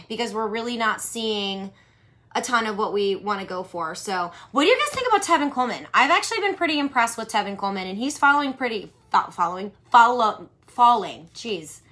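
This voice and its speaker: A woman's voice: on the high side, animated, brisk, bright, forceful tone. A woman in her thirties hosting a casual livestream, chatty and giggly, answering viewer questions and saying "like" a lot. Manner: chatty, giggly, says "like" often.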